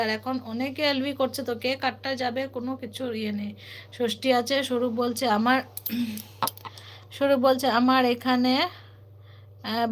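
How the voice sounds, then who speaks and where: A woman's voice: a little high, a little hiss or hum. A woman from Assam hosting a live stream, reading viewer comments aloud in a chatty, playful way with teasing sing-song asides. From Assam, India. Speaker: livestream host.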